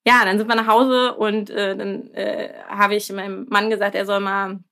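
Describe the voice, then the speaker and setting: A woman's voice: medium pitch, little pitch movement, moderate pace, creaky, bright, forceful tone. A woman in her thirties, a podcast host, chatting casually and telling a story with many fillers. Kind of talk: casual chat.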